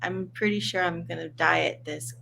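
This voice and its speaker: A woman's voice: lowish voice, moderate pace, vocal fry, sharp tone, slight background noise. A woman chatting in an upbeat, playful way as a new mom. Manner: upbeat, playful, slightly breathless. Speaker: guest mom. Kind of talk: casual chat.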